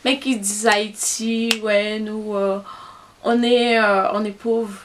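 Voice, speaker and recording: Slow, hesitant young woman vlogger. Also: medium pitch, little pitch movement, slight background noise. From Haiti. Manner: hesitant, many fillers and restarts; proud and emphatic. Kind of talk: casual chat to camera.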